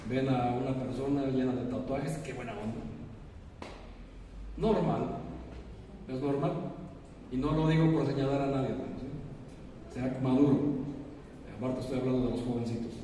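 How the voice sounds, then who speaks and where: A man's voice: mid-range voice, steady tone, normal speed, long pauses, warm tone, a little hiss or hum. A man, preaching a sermon as pastor, asking his congregation rhetorical questions. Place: church sanctuary. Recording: echoey church hall, preacher far from mic.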